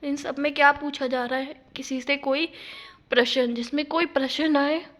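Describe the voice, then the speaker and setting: A woman's voice: high-pitched, steady tone, moderate pace, a bit bright. A young woman teaching a grammar lesson on her own channel, explaining terms step by step and reading out example sentences. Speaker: YouTube teacher.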